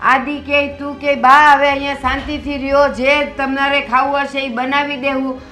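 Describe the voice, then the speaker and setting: Elderly village grandmother, aggrieved and scolding, high-pitched. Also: level tone, moderate pace, soft background music. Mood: reproachful. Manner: scolding, aggrieved, rising to shouts. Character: elderly village mother, indignant and complaining. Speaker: mother-in-law. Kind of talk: film drama acting.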